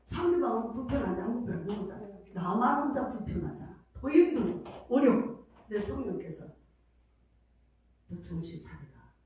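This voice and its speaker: A middle-aged woman pastor delivers a sermon in a church, telling stories with lots of emotion and filler words. Her voice is mellow and on the dark side. She sounds far from the mic, and the sanctuary gives strong echo. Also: a little high, expressive, fairly quick. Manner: emotive storytelling with many fillers. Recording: echoey hall from far off.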